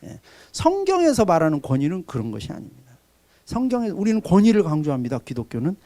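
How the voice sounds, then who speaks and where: A middle-aged man preaches a sermon in a high, very animated voice. He pushes up into loud, emphatic exhortation, then drops into quiet, almost muttered asides. The sound is close and dry, with no room echo. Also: quick pace. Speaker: pastor.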